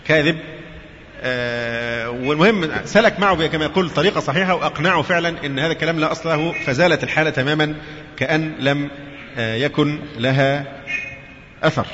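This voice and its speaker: A man's voice: a little high, fairly bright tone. A man giving a religious lecture, mixing formal and colloquial Arabic and putting questions to his listeners. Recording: dull reverberant hall recording with faint noise.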